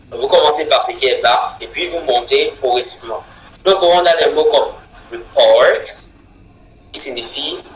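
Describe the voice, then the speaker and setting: A man giving an English pronunciation lesson, repeating each word slowly with deliberate stress. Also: medium pitch, a bit bright, echoey room, rough recording. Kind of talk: slow spoken lesson.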